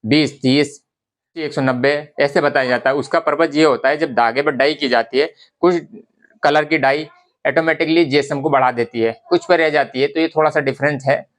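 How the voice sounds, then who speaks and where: A man's voice: on the high side, steady tone, normal speed. A man, casually explaining fabric quality to viewers and repeating his points. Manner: conversational, repetitive, addresses viewers as brothers. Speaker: garment business vlogger. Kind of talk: casual instructional talk to camera.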